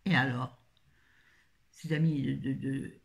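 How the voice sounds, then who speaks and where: A woman's voice: rumbling low, fairly even intonation, takes it slowly, creaky. A middle-aged woman from France talks through her latest reads in a loose, casual way. She rambles, restarts her sentences and throws in little jokes as she goes. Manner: chatty, rambling, self-correcting, jokey asides. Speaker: book reviewer. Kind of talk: casual book review chat.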